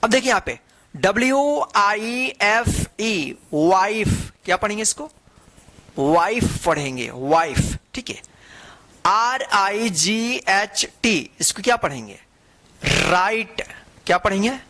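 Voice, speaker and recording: Woman, teacher, unhurried classroom drill voice, spells and repeats every word. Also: medium pitch, animated, fairly bright tone. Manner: drills words, asks and answers her own questions; spells words out letter by letter, slowly. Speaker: English teacher. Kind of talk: classroom-style reading lesson.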